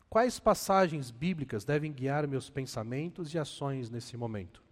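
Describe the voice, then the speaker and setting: Brazilian guy preaching, kinda high voice that swoops all over, echoey hall. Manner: animated preaching with self-deprecating humor. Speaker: pastor. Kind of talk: sermon.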